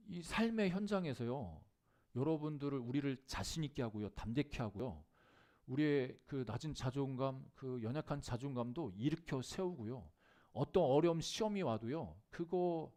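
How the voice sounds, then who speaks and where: A man's voice: on the high side, a little mellow. A man preaching a Sunday sermon in a church, earnest, with frequent hesitation fillers and sudden emphatic rises on key words. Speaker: pastor. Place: church sanctuary.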